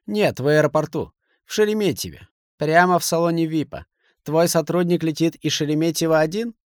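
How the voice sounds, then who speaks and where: Man voicing a hot-tempered shouting businessman. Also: on the high side, fairly quick, no room sound, studio quality, pitched above the performer's own voice, lightly acted. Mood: commanding. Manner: raised, shouting, forceful. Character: agitated tough middle-aged businessman, shouting.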